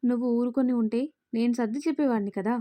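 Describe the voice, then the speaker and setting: A woman's voice: on the high side, fast, dark tone, dry recording, natural voice. A woman reading a stern, short-tempered young boss. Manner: commanding, scolding.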